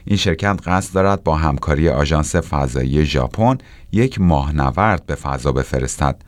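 A man's voice: rumbling low, expressive, no echo. A man presenting technology news as scripted narration.

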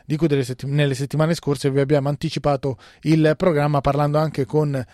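Studio radio host, dry sound. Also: male voice, on the high side, level tone, a little mellow, no room sound. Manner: measured, scripted delivery. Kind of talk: radio news presenting. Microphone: studio mic.

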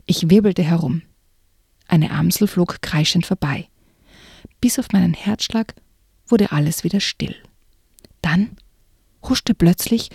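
Whispery, gravelly woman reading aloud. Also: fairly low pitch, mellow, dry recording, clean studio sound. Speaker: reader and co-host. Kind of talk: reading a book excerpt aloud.

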